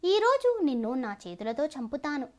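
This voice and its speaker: A woman's voice: high voice, sing-song, moderate pace. A woman voicing a cruel young male villain in an audio story, taunting and threatening. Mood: menacing. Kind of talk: storybook narration.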